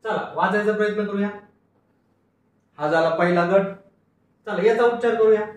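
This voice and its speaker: A male teacher with a high voice gives a phonics lesson at normal speed, patiently sounding out each word and repeating it so pupils can read along. He's recorded from far off in an echoey room, with faint noise.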